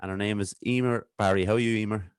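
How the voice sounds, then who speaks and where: A man's voice: on the low side, fairly even intonation, fast talker, clean tone, no room sound, studio quality. An Irish man hosting a podcast in a casual, rambling way, often restarting his sentences. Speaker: podcast host.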